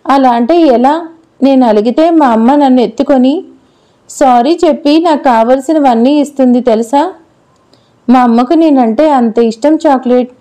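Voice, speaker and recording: A woman's voice: sits high, normal speed, warm tone, lightly acted. A woman voicing a chatty, affectionate little girl who pouts and prattles in a storybook reading. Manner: pouting, childlike chatter.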